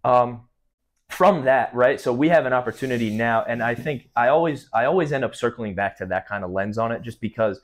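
A young man hosts a podcast interview in a small studio room, speaking in a mid-range voice at a slightly quick pace. He asks long, thoughtful questions in a casual interview style.

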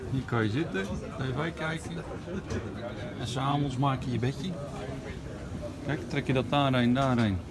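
A man in his forties vlogging casually as he walks around outdoors, chatting relaxed into a phone held at arm's length. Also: medium pitch, unhurried, long pauses, over a noisy crowd. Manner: chatty, relaxed running commentary. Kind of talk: casual walk-and-talk vlog. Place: outdoors at a campervan fair. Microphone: phone camera at arm's length. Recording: noisy outdoor phone recording. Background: outdoor ambience and vehicles.

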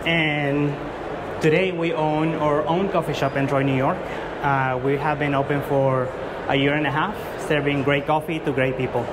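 A man in his thirties from Guatemala, speaking English, earnestly presenting his drink to judges with frequent fillers and restarts. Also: mid-range voice. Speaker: competing barista. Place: large indoor exhibition hall. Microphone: far camera. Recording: loud hall noise from far off.

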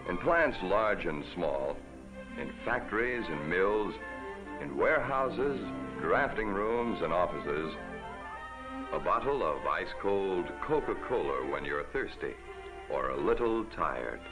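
A man narrating a 1950s TV commercial as a folksy, upbeat pitchman. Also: big pitch swings, slow pace, rough recording. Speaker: commercial announcer. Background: music.

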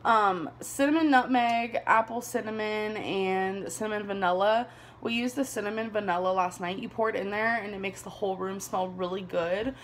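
With a mid-range voice at normal speed and slight background noise, a woman in her twenties chats casually in a small bedroom. The camera sits on the desk below her as she rambles and laughs often in her vlog.

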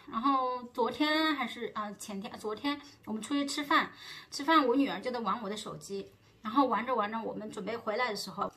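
A woman's voice: fairly high pitch, bright, forceful tone, breathy edge. A woman in her thirties from China, chatting casually to viewers and growing exasperated as she retells a quarrel. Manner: chatty and exasperated, rising heat when retelling arguments. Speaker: vlogger.

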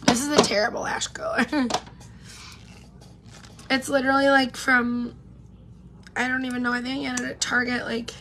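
Picked up at close range by a front-facing camera, this thirty-something beauty vlogger chats loosely while applying makeup live in her pink-neon home room. Her high voice barely moves in pitch and comes at a moderate pace with long pauses, sounding worn and fading as she greets viewers by name. The background is noisy.

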